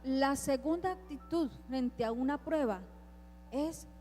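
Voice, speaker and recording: High-voiced woman preaching emphatically. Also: slow pace, warm tone, soft background music. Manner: emphatic, asks the congregation questions. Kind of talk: sermon.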